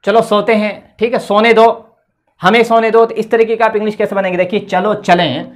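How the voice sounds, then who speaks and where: A man's voice: high-pitched, little pitch movement, brisk. Male English teacher, tinged delivery, patient board lesson, repeats his check-ins. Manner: repeats "theek hai" often, explains patiently.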